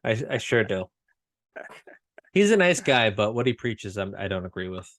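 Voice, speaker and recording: Podcast co-host, male, low-pitched, blunt and self-deprecating, dry close mic. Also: big pitch swings, moderate pace, fairly bright tone, no room sound. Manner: blunt, self-mocking, swears casually. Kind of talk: casual chat.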